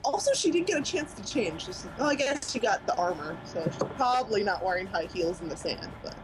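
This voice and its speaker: A woman's voice: mid-range voice, sing-song, a little fast. A woman playing a tabletop game, talking about her character in a chatty, hesitant way. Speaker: player. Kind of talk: casual tabletop role-play. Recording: noticeable background noise.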